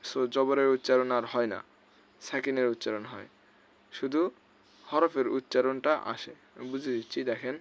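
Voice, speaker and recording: A man teaching Quran recitation rules step by step, often checking "okay?" and slowly drawing out recited syllables. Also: medium pitch, fairly even intonation, gravelly. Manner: explains step by step, often checks with "ঠিক আছে?". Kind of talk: explanatory lesson. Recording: slightly dull lo-fi sound.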